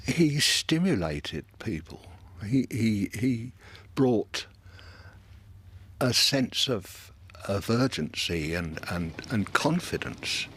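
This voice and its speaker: An older man, a war veteran, recalling the past in a halting way, repeating words as he searches for them. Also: lowish voice, very animated, a bit bright, slightly rough, no room sound. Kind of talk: recalled wartime memories.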